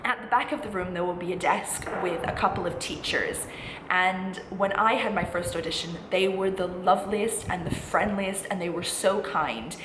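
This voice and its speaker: This woman speaks on the low side at a moderate pace. In her twenties and studying singing at postgraduate level at a music college, she gives informal, chatty, encouraging and reassuring advice to camera like a student vlogger, in an echoey room with noticeable background noise.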